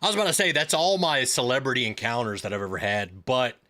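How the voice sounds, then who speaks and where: A man's voice: medium pitch, quick pace, bright, forceful tone. A man in his thirties hosting a live stream, chatting casually and telling rambling stories. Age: 30s. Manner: rambling storyteller with filler words and restarts.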